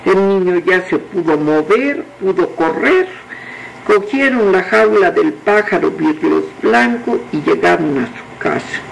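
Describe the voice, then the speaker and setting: A man telling a children's folk tale in a gentle, unhurried way. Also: high-pitched, expressive, creaky, a little hiss or hum, poor audio. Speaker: storyteller.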